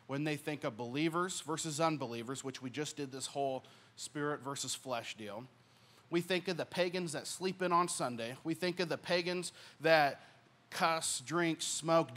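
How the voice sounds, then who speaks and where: A young man preaching a sermon on a church stage, speaking earnestly into a handheld mic, rising in volume on key points and dropping soft at the ends of phrases. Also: on the high side. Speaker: pastor.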